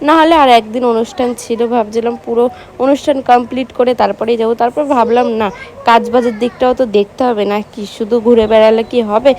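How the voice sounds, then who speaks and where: A young woman chatting casually in a vlog, speaking softly because of a sore throat. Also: steady tone, quick pace, slight background noise. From West Bengal, India. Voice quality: soft, low-voiced talk because of the sore throat. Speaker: vlogger.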